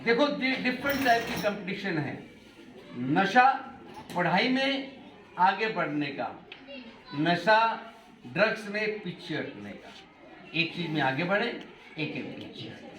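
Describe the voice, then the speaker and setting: Man, middle-aged, motivational speaker, high lively voice, echoey hall, distant mic. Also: a little slow, long pauses, a little hiss or hum. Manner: animated, asks the class questions, mixes in English phrases. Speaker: motivational speaker addressing students. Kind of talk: classroom talk to schoolchildren.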